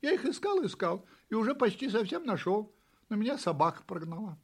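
A man voicing a curious young male kitten in a storybook reading, high and childlike. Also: sing-song, brisk, breathy edge, heavily acted. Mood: puzzled.

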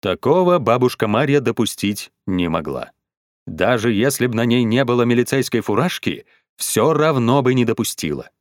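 A man reading a children's story aloud in an expressive, animated way. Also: mid-range voice, moderate pace, no room sound, studio quality. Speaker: narrator.

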